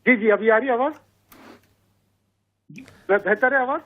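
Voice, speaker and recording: Man, phone-in caller, polite and rambling, says "you know" a lot, high voice, tinny phone line. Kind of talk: phone-in comment.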